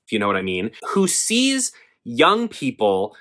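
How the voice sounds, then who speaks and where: A young man hosting a book vlog, talking in a sassy, animated way with lots of rhetorical questions. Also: medium pitch, a little slow. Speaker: book vlogger. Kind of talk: opinionated casual vlog rant.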